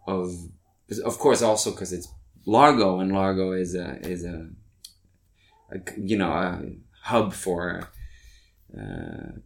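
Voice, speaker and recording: Low, creaky and a bit bright, this man's voice belongs to a musician guest from Norway whose first language is Norwegian. He's chatting casually in an interview, rambling and often starting over.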